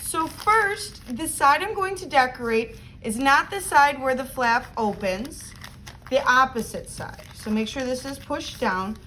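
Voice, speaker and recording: A woman with a high voice speaks as a teacher to young children, giving simple craft instructions one step at a time. She addresses the children directly. There is clear noise behind her voice. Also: expressive, unhurried, pushed and bright, rough recording.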